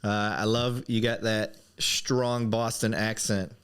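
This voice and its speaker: A man's voice: lowish voice, level tone, slow, a bit bright. A man hosting a podcast in an informal, joking, self-deprecating way. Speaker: podcast host. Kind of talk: casual chat, informal hosting.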